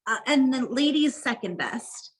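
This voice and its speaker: A woman's voice: sits high, expressive, normal speed, slightly rough. A young woman fostering a rescue dog, chatting casually and gushing, with many ums and likes, over a video call. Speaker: foster volunteer.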